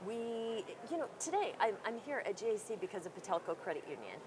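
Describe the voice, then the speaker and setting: Interviewed in a busy conference hall, the CEO of a small credit union talks in a quick, sing-song voice of medium pitch. She is self-deprecating and uses lots of fillers, with the noisy conference floor audible in the recording.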